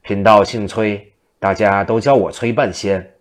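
A man's voice: on the low side, fairly even intonation, unhurried, close to an everyday voice. A man voicing a boastful, middle-aged male Taoist exorcist who talks in a smug, self-satisfied way.

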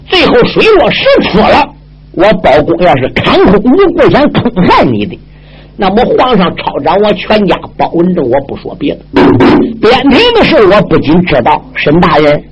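A man's voice: high-pitched, slight background noise, low-quality recording. Bao Gong, a man doing a stern righteous judge. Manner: commanding, pressing questions. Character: stern upright old male judge, righteous and forceful. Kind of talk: traditional storytelling, acted dialogue.

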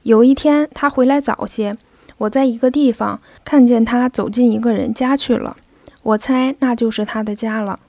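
A woman's voice: on the high side, fairly even intonation, moderate pace, a little mellow, no echo. A woman voicing a sly, joking male servant who banters with his young master, in a storybook reading. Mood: bantering. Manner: cheeky, bantering.

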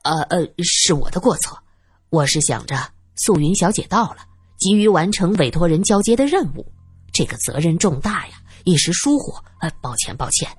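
A woman's voice: lowish voice, big pitch swings, normal speed, husky. A woman voicing a flustered middle-aged male lawyer who stammers and apologizes.

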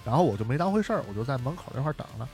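A man co-hosting a podcast, telling a story in casual chat, animated and chatty with many tag questions. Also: medium pitch, rapid-fire, faint music behind. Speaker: podcast co-host.

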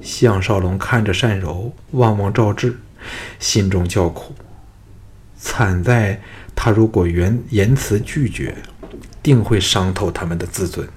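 A man reads a novel aloud in a very deep, low voice. His storytelling is steady and measured, with an even flow. He sounds like a practiced audiobook narrator.

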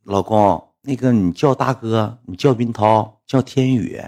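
A man voicing a young wife who gently coaxes her husband. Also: fairly low pitch, measured pace. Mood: coaxing.

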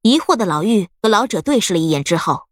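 A woman narrating an audiobook story in a steady, expressive storytelling manner. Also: medium pitch, quick pace, dry recording, clean studio sound.

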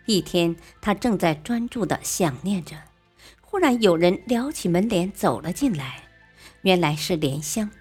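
A woman narrating a classic tale in an expressive, lively way. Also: on the low side, unhurried, slightly rough. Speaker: storyteller. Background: faint music.

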